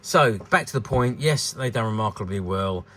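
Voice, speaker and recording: A British man in his sixties, a vintage toy dealer, rambles through unscripted, hesitant commentary on a collectable, often repeating words. His voice sits fairly low and has a fairly bright tone, and he's animated at a moderate pace.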